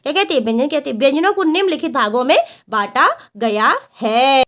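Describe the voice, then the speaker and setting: High-voiced woman teacher drilling her class. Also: lively intonation, brisk, a bit bright. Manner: asks the class questions and answers them herself; repeats each point. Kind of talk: exam-prep Hindi lesson.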